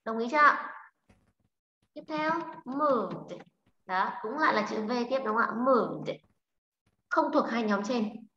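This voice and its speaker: A woman's voice: a little high, moderate pace, pushed and bright, slight background noise. A woman teacher explaining a lesson patiently, step by step, and checking often that the class understands. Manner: checks understanding with frequent tag questions. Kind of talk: online English lesson for a class. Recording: roomy, slightly dull sound.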